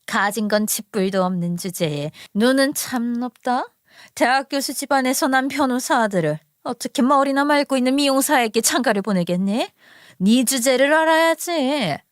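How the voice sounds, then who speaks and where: A haughty middle-aged mother-in-law sneers and scolds in a story, as a woman reader puts her on. Her voice sits a little high and is recorded dry and close. She talks down to everyone with open contempt. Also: animated, normal speed, no room sound, close to an everyday voice. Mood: contemptuous. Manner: scornful, insulting, bossy.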